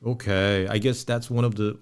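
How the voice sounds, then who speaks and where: A man co-hosting a casual movie review podcast, reading viewer comments aloud in a halting way with frequent restarts. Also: on the low side, steady tone, clean tone. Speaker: podcast co-host.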